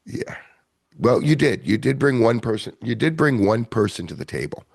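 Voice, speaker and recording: A man hosting a podcast in casual chat, rambling and self-deprecating, with a gravelly voice. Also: medium pitch, very animated, a little slow, darkish tone, no room sound, clean studio sound. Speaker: podcast host.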